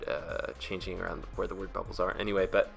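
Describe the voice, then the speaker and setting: A man giving a casual, rambling voice-over in a hesitant, self-deprecating way, with vocal fry at the ends of his phrases. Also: low-pitched, little pitch movement, quick pace, faint music behind. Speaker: webcomic artist and video creator.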